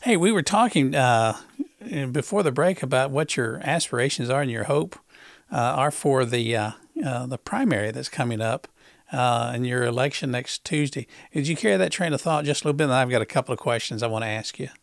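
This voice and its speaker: Male tv host, gravelly voice, halting with repeated words, dry close sound. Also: mid-range voice, dry recording. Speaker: TV talk show host. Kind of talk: conversational political interview.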